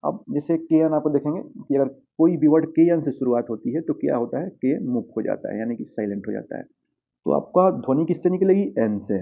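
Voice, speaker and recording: A man's voice: fairly high pitch, expressive, moderate pace, creaky. A man teaching English pronunciation over slides, patiently asking the viewer questions and answering them himself. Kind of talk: slide-based pronunciation lesson. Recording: tinny phone-like sound.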